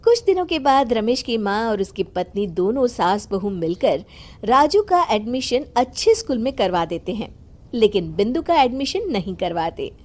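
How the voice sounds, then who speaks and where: A woman reading scripted narration for an animated family drama. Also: on the high side, normal speed.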